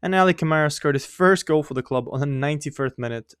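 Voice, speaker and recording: Speaking quickly in a slightly high, somewhat bright voice, this young man narrates his own game with rambling, self-mocking remarks and frequent laughter. He's a gaming YouTuber whose English isn't his first language. The dry recording has clean studio sound.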